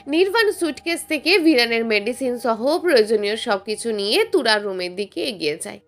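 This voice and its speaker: A woman reading out a family drama story in a steady, measured storytelling voice. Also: on the high side. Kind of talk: scripted narration.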